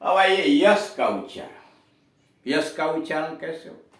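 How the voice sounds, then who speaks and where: Brief: unhurried male tutor drilling pronunciation, distant mic in a very echoey room. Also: a little high, sing-song, a bit bright. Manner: slow, repeats example words with emphasis. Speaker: English teacher. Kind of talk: spoken pronunciation lesson.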